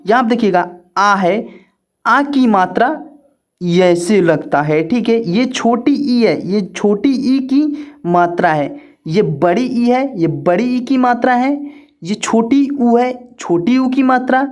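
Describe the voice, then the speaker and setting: A woman with a fairly high voice teaches an alphabet lesson at a very slow, careful pace. She repeats each sound and example word and keeps checking that the learner is following. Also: darkish tone. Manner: slow, repetitive, checks in often.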